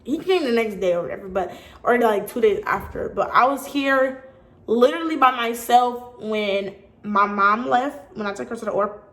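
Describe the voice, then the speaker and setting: A young woman from California chatting in a casual Q&A vlog, animated and talking straight to her viewers. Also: fairly high pitch, moderate pace. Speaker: YouTuber. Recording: echoey room.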